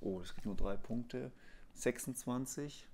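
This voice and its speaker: A man's voice: medium pitch, unhurried, gravelly. A man co-hosting a board game video, casually tallying scores and making dry jokes. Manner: tallies scores aloud, relaxed and dryly joking. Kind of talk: casual let's play commentary.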